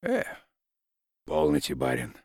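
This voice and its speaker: A man voicing a gruff, sullen forester who speaks in curt commands, read as an audiobook. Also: very deep voice, huge pitch swings, slow pace, a little mellow, no echo, clean studio sound, pitched below the performer's own voice, exaggerated voice. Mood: grumbling. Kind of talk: audiobook reading.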